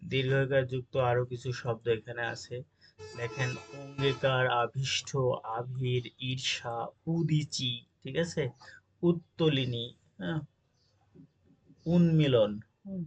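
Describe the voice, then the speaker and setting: Guy with a gravelly voice going thru word lists for an exam prep class. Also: mid-range voice, steady tone, measured pace, pauses often, rough recording. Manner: reads word lists, checks in with "ঠিক আছে?". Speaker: teacher. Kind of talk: exam-prep grammar lesson.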